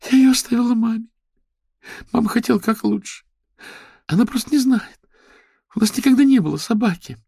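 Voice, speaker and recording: A man's voice: a little fast, vocal fry, long pauses, a little mellow, slightly rough, no echo, studio quality, full character voice. A man reading an audiobook, voicing a tearful, frightened young woman who pleads between sobs. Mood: tearful pleading. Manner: sobbing, pleading, high-pitched.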